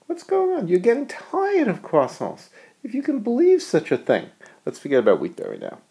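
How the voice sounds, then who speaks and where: A man's voice: high voice, moderate pace, gravelly, breathy edge. A middle-aged man, an economics professor, giving a recorded video lecture in a playful, jokey way. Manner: playful, animated, jokey asides. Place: US college.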